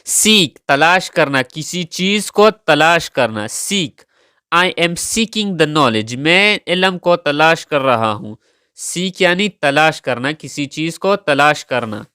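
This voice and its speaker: Slow, clear man teaching words. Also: on the high side, animated, bright, forceful tone, dry recording, studio quality. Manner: repeats each word and spells it out slowly. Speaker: English vocabulary teacher. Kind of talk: slow vocabulary lesson, spelling words letter by letter.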